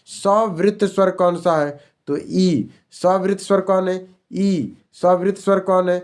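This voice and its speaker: A man's voice: high-pitched, steady tone, takes it slowly, darkish tone. A male teacher running an exam-prep grammar lesson, repeating each question and answer as a drill.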